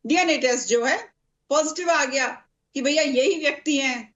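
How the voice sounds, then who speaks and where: Forceful high-voiced woman debating on TV. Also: moderate pace, highs cut off. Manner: forceful, rhetorical, lists repeated examples. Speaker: party spokesperson in a TV debate. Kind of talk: heated televised debate.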